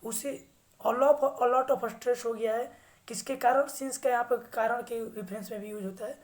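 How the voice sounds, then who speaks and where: A woman teaching English vocabulary who reads English sentences slowly with an Indian accent and then explains them in Hindi. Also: a little high, fairly even intonation, a little mellow. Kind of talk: slow English vocabulary lesson.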